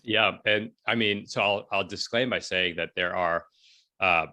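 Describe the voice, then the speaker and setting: This entrepreneur-blogger, in his forties, has a low-pitched voice and a measured pace. Being interviewed casually, he tells animated stories, plays out bits of dialogue, and often adds "right?" to check in with his listener.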